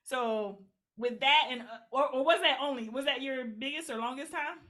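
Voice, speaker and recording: Host: bright, high-voiced young woman, animated and laughing, casual interview chat. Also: normal speed. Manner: laughs often, animated and playful. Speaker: podcast host.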